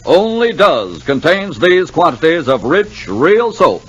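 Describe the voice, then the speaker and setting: A man's voice: fairly high pitch, sing-song, slow, fairly bright tone, slightly rough, lo-fi sound. A man reading scripted advertising copy in the style of a 1950s radio announcer. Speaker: commercial announcer.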